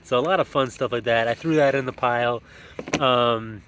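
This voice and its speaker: Male vlogger, casual show-and-tell, mid-pitched, echoey cave sound, ums and restarts. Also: moderate pace, slight background noise. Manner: chatty and excited, with frequent ums and restarts. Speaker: yard sale vlogger.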